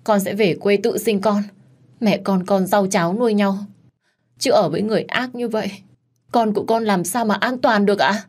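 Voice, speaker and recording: A woman's voice: mid-range voice, normal speed, darkish tone, natural voice. A woman voicing a tearful, whining young mistress who pleads and plays the victim in a told story. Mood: whiny pleading. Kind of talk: dramatized storytelling.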